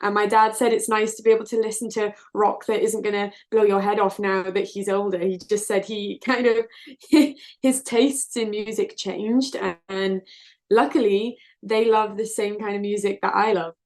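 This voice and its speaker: A woman's voice: mid-range voice, steady tone, moderate pace, darkish tone. A woman, a singer-songwriter answering interview questions in an earnest, reflective way. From South Wales, UK. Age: 20s. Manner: earnest, open, reflective storytelling.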